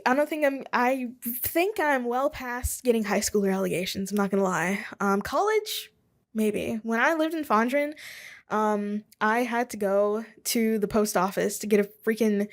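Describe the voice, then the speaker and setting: Speaking at medium pitch and a moderate pace, a twenty-something podcast host goes it alone from her home office. She meanders, pokes fun at herself, and drops in laughs and side comments.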